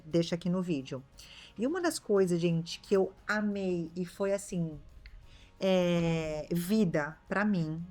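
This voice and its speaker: A young Brazilian woman with a Brazilian Portuguese accent, chatting casually to her viewers in a vlog and often checking in with them. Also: lowish voice. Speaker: vlogger.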